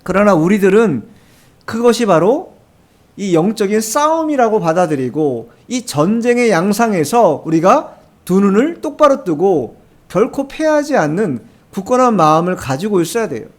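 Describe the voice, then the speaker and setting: A man's voice: sits high, very animated, moderate pace. A male pastor preaching a Sunday sermon in church, emphatic, posing rhetorical questions to the congregation and repeating key phrases. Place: church sanctuary.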